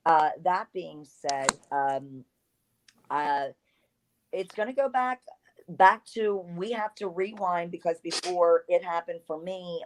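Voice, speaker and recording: A woman in her fifties from South Jersey with a New Jersey accent, chatting as an interview guest and telling long, rambling stories with easy laughs. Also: low-pitched. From South Jersey, USA. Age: 50s. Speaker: guest, retired wrestler. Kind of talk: casual interview storytelling.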